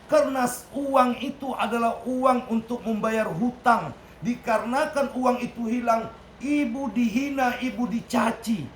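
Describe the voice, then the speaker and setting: A man playing an elderly mother who pleads and cries out to God in a high voice, recorded in an echoey room. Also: measured pace, a little hiss or hum. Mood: bitter. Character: elderly mother, grieving then forgiving.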